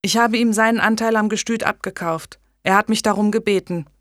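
A woman reading an audiobook, voicing a calm, polite young medieval nobleman with a steady, firm manner. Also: mid-range voice, brisk, dry recording, clean studio sound, voice pushed up, close to an everyday voice.

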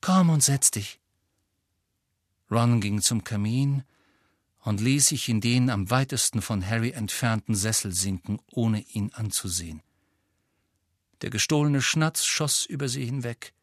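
Calm, slow male audiobook reader. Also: medium pitch, no room sound, studio quality. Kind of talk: storybook narration.

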